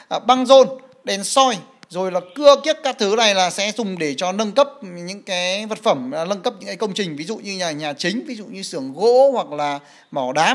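A man walking through a mobile game feature in casual talk, with many fillers, repeated words and frequent "right?" checks. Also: sits high. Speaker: game guide presenter. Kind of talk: casual gameplay walkthrough.

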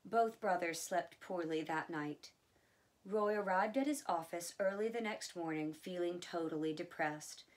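A woman reading a biography aloud in a relaxed way, adding chatty asides of her own. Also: fairly low pitch, measured pace. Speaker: audiobook reader.

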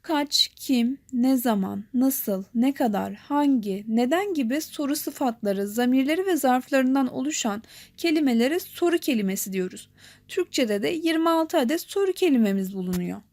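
A young woman teaching a grammar lesson, explaining calmly and clearly and reading example lines slowly. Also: high-pitched.

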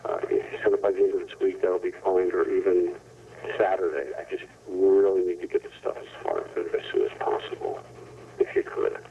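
A man's voice: deep voice, fairly even intonation, a little fast, vocal fry, far from the mic, noisy background. A man leaving a casual, businesslike answering machine message, giving instructions and repeating details over a tinny telephone line. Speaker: caller leaving a phone message. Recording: muffled, tinny 1990s answering machine tape.

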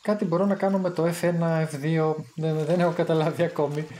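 A man giving casual gameplay commentary, chatty and excitable, thinking aloud as he plays. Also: fairly high pitch. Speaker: gamer streaming his play.

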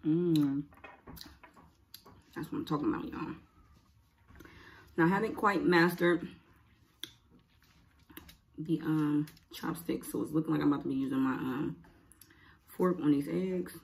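A woman's voice: sits low, a little slow, gravelly, long pauses, darkish tone. A young adult woman chatting casually as a mukbang host, rambling and muttering informally to herself between bites. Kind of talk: casual chat while eating. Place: indoors at home, cloth backdrop.

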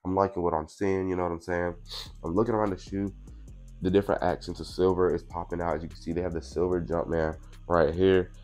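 A young man in his twenties unboxes sneakers in a small room lit purple, speaking into a clip-on mic with faint music playing behind him. His voice sits low and mellow, delivered flat and fast, with a slight congestion from allergies. He's a laid-back, chatty sneaker vlogger who keeps saying "you know what I'm saying."

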